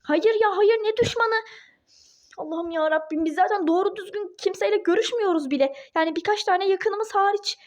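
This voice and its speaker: A woman with an extremely high-pitched voice plays an outraged young wife in a toy-game role-play drama. Speaking at normal speed, she bursts out in furious, indignant exclamations.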